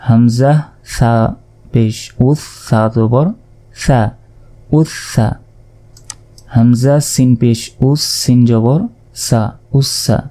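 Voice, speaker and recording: A man teaching Quran reading, spelling out letters and vowel marks one by one and repeating syllables in a calm lesson. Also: medium pitch, very slow, pauses often. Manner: calm, repetitive syllable drilling.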